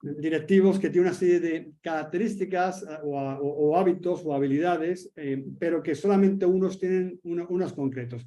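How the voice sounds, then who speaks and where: A man moderates a webinar as a professor and sums up a book before passing the floor to his guest. He hesitates and repeats words as he goes. His voice sits fairly high and sounds soft and mellow. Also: normal speed. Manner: hesitant, many fillers and restarts. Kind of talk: webinar conversation.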